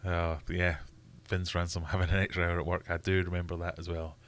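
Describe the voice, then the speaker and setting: This livestream host from Scotland keeps things casual, reading out his chat and breaking into frequent laughter. His deep, somewhat bright voice stays fairly flat as he speaks at a brisk clip.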